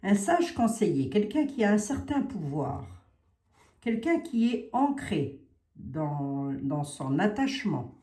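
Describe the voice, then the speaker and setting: A woman's voice: mid-range voice, big pitch swings, slow pace, mellow, echoey room. A woman with a Lorraine accent doing a casual tarot and oracle reading, asking questions aloud and hedging with "hein". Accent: Lorraine French. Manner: chatty, asks questions aloud, hedges with "hein". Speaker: psychic card reader.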